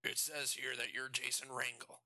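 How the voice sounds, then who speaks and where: A man's voice: medium pitch, flat delivery, moderate pace, bright, forceful tone, dry recording, studio quality. A man voicing a blunt, mocking male prison guard in an audiobook reading. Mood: scornful. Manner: scornful, blunt.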